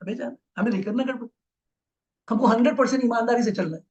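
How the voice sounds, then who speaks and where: Man, Indian accent, very high voice, emphatic motivational speaker, repeats his points. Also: fast talker, darkish tone, highs cut off. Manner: emphatic, repetitive, mixes in English phrases. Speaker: business leader giving a motivational talk. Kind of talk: motivational speech.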